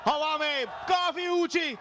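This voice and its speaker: A man giving excited cricket commentary in an emphatic, shouting manner. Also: very high-pitched, slow. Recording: loud crowd and stadium noise.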